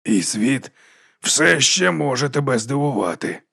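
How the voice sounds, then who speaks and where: A man voicing a weary, gruff old knight who speaks slowly and quietly, in an audiobook. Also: medium pitch, expressive, full character voice.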